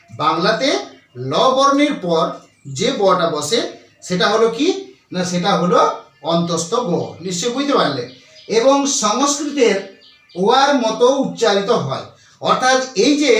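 A man with a very high voice teaches a grammar lesson, going step by step and repeating each point. He asks questions and answers them himself. He sounds distant from the mic, in a strongly echoing room. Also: fairly bright tone. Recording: very echoey room, voice far from the mic.

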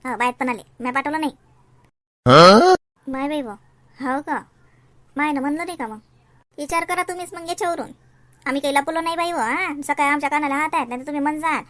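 A woman's voice: high voice, fairly quick, long pauses, fairly bright tone. A woman in a village comedy sketch, trading fussy, chatty banter.

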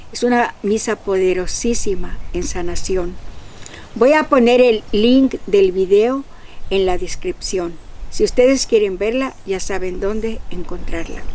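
A woman's voice: medium pitch, darkish tone. An older woman giving a simple, earnest and devout personal testimony. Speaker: channel host.

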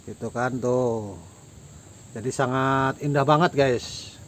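A man with a Sundanese accent hosting a casual comedic chat outdoors after dark, chatty, laughing often and calling his viewers guys. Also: mid-range voice, fairly even intonation, slow pace, a little hiss or hum. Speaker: host.

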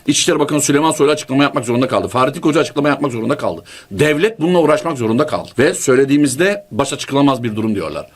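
Fast, animated man ranting emphatically. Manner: emphatic, rhetorical questions, sudden pitch jumps; explains step by step with numbers. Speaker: political commentator. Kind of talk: online political commentary monologue.

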